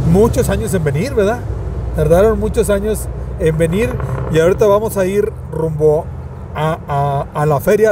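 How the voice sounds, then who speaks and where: A man's voice: a little high, recorded from a distance, background noise. A man hosting an on-location chat, talking casually with many restarts and tag questions. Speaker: host, former band member revisiting an old venue.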